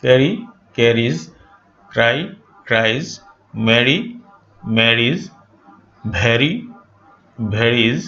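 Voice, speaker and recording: A man teaching an English grammar lesson, drilling word forms slowly and deliberately. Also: medium pitch, sharp tone. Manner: slow, deliberate dictation-like drilling. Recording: echoey room, dull lo-fi sound.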